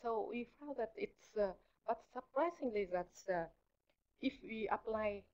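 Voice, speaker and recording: A woman's voice: on the high side, expressive, darkish tone. Hesitant Vietnamese-accented woman researcher. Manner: hesitant, halting, often restarting to search for words. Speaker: visiting researcher presenting. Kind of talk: answering audience questions after a talk. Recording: muffled lecture recording.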